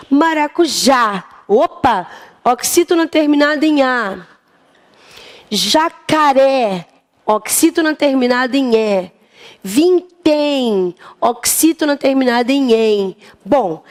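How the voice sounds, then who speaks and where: Lively Brazilian woman teaching grammar. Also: sits high. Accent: Brazilian Portuguese. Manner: lively, asks the class questions. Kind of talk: exam-prep grammar lesson.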